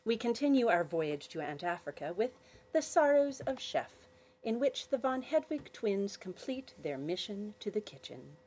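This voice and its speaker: A woman hosting a family podcast, narrating a children's adventure story with expressive storytelling. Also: mid-range voice, moderate pace, slightly rough, low-quality recording.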